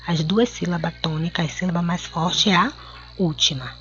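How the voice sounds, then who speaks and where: A woman teacher with a Brazilian accent, going through a lesson slowly and clearly for children and drawing out words syllable by syllable. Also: fairly low pitch, fairly bright tone, slight background noise. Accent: Brazilian Portuguese. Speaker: schoolteacher. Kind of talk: recorded classroom lesson. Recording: dull lo-fi home recording.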